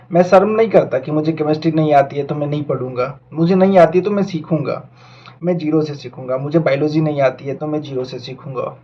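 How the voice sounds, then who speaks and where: A man's voice: on the high side, muffled recording. A young man in his twenties from India, talking earnestly and reflectively to camera and mixing in English words. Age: 20s. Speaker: vlogger and aspiring doctor. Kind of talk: casual talk to camera.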